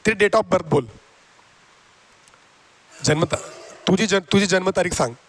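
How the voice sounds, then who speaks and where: A man teaches a classroom math lesson in a noticeably high voice. He jokes and teases his students, coaxing them again and again to answer. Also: a little slow, fairly bright tone. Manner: teasing, joking with students; coaxing and repetitive.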